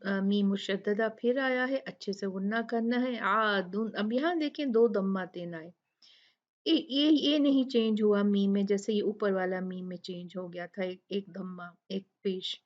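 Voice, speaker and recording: Slow, patient woman teaching recitation. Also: mid-range voice, a little mellow, highs cut off. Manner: patient, explains and repeats words slowly. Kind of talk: tajweed lesson with recited examples.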